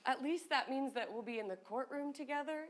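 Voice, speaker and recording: Woman improvising a high-voiced clingy wife. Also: animated, brisk, background noise. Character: clingy, defensive wife facing divorce. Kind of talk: improvised comedy scene on stage.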